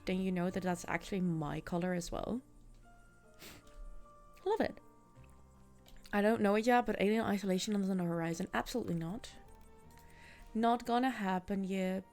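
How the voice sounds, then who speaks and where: A young Dutch woman from the Netherlands chats casually with her viewers while streaming a game, answering chat, laughing often and frequently restarting her sentences. She speaks in a medium-pitched, slightly mellow voice with a Dutch accent.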